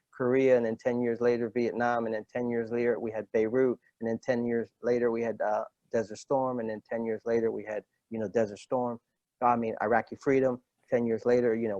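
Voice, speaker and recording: A man's voice: mid-range voice, dark tone, no echo, muffled recording. A man in his fifties, a retired Marine sergeant, telling stories in an interview, acting out quoted dialogue with many fillers and restarts. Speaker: retired Marine master gunnery sergeant, podcast guest. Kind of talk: casual interview storytelling.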